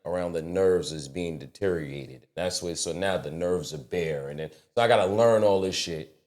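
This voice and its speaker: A man telling a personal story as a guest on a casual studio talk show, profane and animated. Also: low voice, normal speed. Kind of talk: casual podcast chat. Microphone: studio mic.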